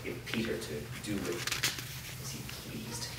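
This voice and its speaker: At a staged fantasy drama reading, an actor plays a weary, guilt-ridden blacksmith father, speaking with bitter grief. His voice is close to everyday and a little slow, recorded by a distant mic in an echoey room with clear background noise.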